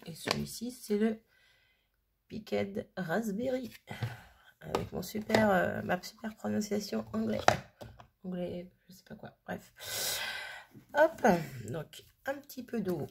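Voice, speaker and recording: A woman's voice: mid-range voice, lively intonation, unhurried, gravelly, background noise. A woman hosting a casual crafting video who chats and thinks aloud with plenty of fillers. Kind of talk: casual crafting tutorial chat.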